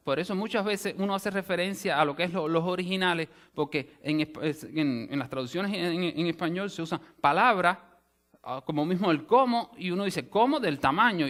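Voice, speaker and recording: Spanish-speaking pastor with a fairly high voice. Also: male voice, a bit bright. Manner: explanatory teaching with frequent restarts and "o sea" asides. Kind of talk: sermon. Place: church sanctuary.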